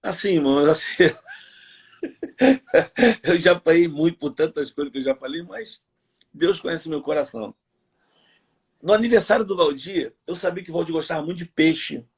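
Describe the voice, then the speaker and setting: Man, middle-aged pastor, very husky voice, earnest testimony storytelling, live interview. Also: a little high, lively intonation, normal speed, pauses often. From Brazil. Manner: earnest storytelling with many fillers.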